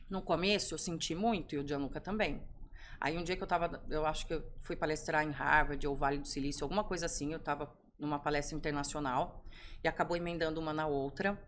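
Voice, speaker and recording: A middle-aged woman speaking as a podcast guest, telling stories with lively rhetorical questions. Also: lowish voice, slight background noise. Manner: animated storytelling, rhetorical questions. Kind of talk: conversational interview.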